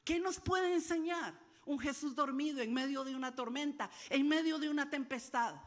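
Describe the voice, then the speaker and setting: A woman pastor delivers an animated sermon in a high voice. She acts out scenes in her own voice and rises to forceful, near-shouted questions. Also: normal speed. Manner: animated preaching, acting out dialogue and rising to shouted questions.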